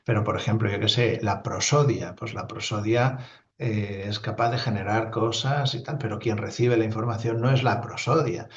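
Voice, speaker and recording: A man giving a neuropsychology lecture, explaining with fillers and asides. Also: on the low side. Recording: dull lo-fi recording.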